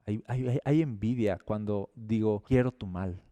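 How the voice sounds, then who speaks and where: A man giving a conversational sermon on a podcast, acting out quotes and swinging from loud to hushed. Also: on the low side, measured pace, no echo. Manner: lively, acts out quotes and little scenes, swings between loud and hushed. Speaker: podcast preacher.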